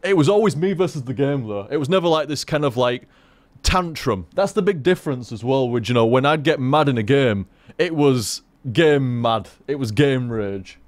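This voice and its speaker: A man rambling through casual gameplay commentary, swearing freely and talking in an animated way. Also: mid-range voice, moderate pace, dry recording. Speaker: gaming commentator.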